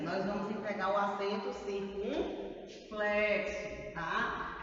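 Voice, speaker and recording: A woman's voice: mid-range voice, fairly bright tone, slight background noise. Brazilian woman teaching, far and echoey. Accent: Brazilian Portuguese. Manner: slow, drawn-out stressed syllables, tag questions. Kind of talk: grammar lesson for children. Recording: roomy, far from the mic, dull.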